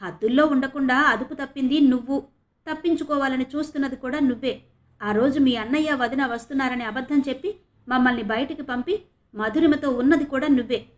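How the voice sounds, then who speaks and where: A woman's voice: high voice, fairly quick, natural voice. A woman reading as a sneering young schemer. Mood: taunting. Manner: sneering, needling. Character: scheming taunting young man.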